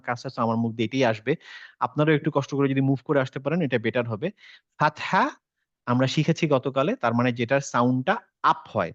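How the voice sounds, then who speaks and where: A man teaching an online tajweed class, explaining slowly, mixing in English words and modeling the sounds aloud. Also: medium pitch, no echo, highs cut off. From Bangladesh.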